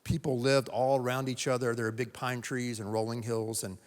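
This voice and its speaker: A man from North Carolina preaches a sermon in a steady mid-range voice. He leans on repetition and drops into pauses to let key words land. The sound carries the long, lingering reverb of a church sanctuary. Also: mid-range voice. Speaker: pastor.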